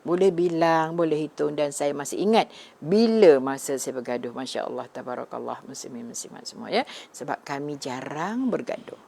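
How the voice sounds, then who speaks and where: A middle-aged woman religious teacher giving a gentle, conversational live online talk, often addressing her listeners directly. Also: low-pitched, vocal fry.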